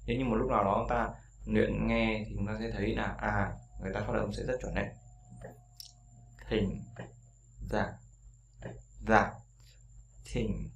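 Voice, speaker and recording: Low gravelly male teacher, informal lesson, drills sounds by repetition, faint hiss behind. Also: a bit bright. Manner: talks to learners, repeats sounds slowly for practice. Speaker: English pronunciation teacher. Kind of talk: casual spoken lesson.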